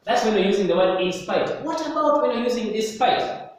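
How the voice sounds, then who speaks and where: A man teaching an English grammar lesson, speaking slowly and repeating and stressing key words, recorded in a classroom. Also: high voice, animated. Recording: echoey hall, mic far off, faint noise.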